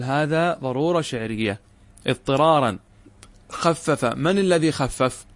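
Sheikh teaching grammar, dry close sound. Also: male voice, on the high side, no echo. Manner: explains step by step and often checks with "clear?". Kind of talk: classroom grammar lesson.

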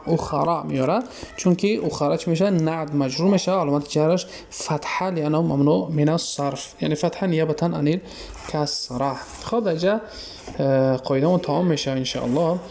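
A man with a Tajik accent gives a classroom grammar lesson in a somewhat high but dark, mellow voice. He keeps stopping to ask whether his listeners follow, and he hesitates often with drawn-out filler sounds. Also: creaky. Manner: keeps checking understanding with quick questions. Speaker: teacher of Arabic grammar.

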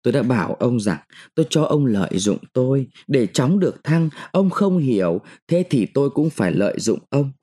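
A male narrator voicing a sharp-tongued, defiant mandarin's wife who scolds and taunts her husband. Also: mid-range voice, very animated, moderate pace, husky.

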